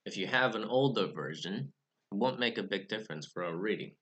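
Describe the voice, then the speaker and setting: A young man, non-native in English, hosts a Bible study channel and gives a scripted, explanatory talk to camera on reading Greek scripture. His lowish voice is animated and fairly bright, with lo-fi sound quality. He speaks carefully and measuredly, restarting now and then.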